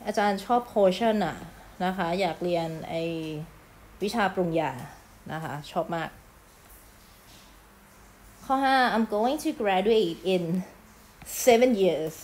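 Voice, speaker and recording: A woman's voice: medium pitch, lively intonation, a little mellow, slight background noise. Chatty woman teacher explaining a lesson. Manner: explains in Thai, reads English phrases slowly and clearly; polite sentence endings, chatty asides. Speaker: English teacher.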